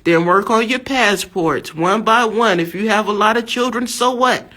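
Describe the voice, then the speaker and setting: This fervent religious testimony comes from an American woman in her fifties, preaching in a monologue that is emphatic, exhortative, and repetitive in its phrasing. Her voice is mid-range and a bit bright, at a normal speed.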